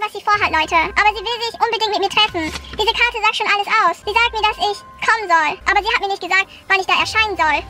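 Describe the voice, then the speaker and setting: A young woman talks her viewers through a nighttime horror challenge vlog, sounding anxious throughout. Her voice is sped up to a squeaky, extremely high pitch. Clear background music runs underneath her. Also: bright, forceful tone. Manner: anxious, keeps calling the viewers "Leute". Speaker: vlogger. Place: in a car and outdoors at night.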